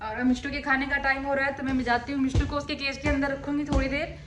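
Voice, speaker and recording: High-voiced chatty mom vlogger. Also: female voice, flat delivery, fast talker, a bit bright. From India. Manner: chatty, explains her routine to viewers. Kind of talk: casual home vlog narration. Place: home kitchen. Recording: echoey room with background noise.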